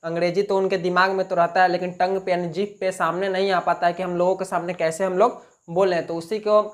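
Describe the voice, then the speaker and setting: A man's voice: high-pitched, flat delivery, fairly quick. A man teaching a basic spoken English lesson in Hindi, explaining step by step and answering his own questions. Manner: repetitive, plain classroom talk.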